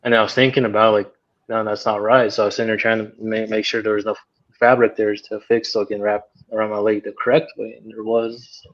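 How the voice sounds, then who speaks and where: Male guest, low relaxed voice, hesitant delivery, muffled video-call sound. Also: fast talker. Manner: relaxed, hesitant, lots of fillers. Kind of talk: casual chat.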